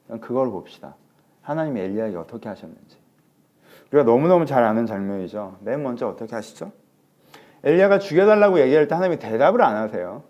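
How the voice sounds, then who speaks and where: A mid-pitched man preaches in a loose, conversational way. He acts out quoted lines and often sinks into a near murmur. The livestream audio is slightly dull. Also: mellow. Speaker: pastor. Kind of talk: sermon. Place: church.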